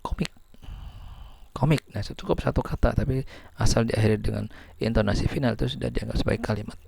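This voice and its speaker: Low gravelly male lecturer. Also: steady tone, fast, darkish tone, no echo. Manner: explains step by step, reading out example sentences. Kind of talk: lecture on syntax.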